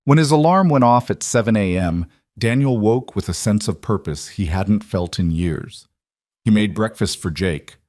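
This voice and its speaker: A man narrates a drama story in a measured, even way. His voice sits on the low side and the sound is dry and close. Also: no room sound.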